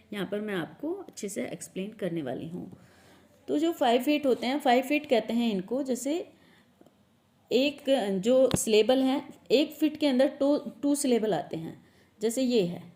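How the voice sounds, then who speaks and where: Hindi-speaking woman teaching a poem for exams, indian english accent, talks real slow, asks herself questions as she goes. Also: a little high, darkish tone. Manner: slow, explains step by step with repeated questions. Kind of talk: exam-prep literature lesson.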